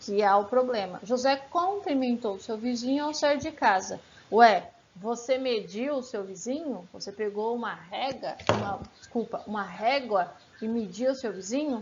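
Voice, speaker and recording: A woman teaching a relaxed grammar lesson, dotting her speech with tag questions and rhetorical asks. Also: fairly high pitch. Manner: conversational, frequent "né" and "tá" tags, asks rhetorical questions. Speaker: Portuguese teacher. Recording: slightly muffled, faint background hiss.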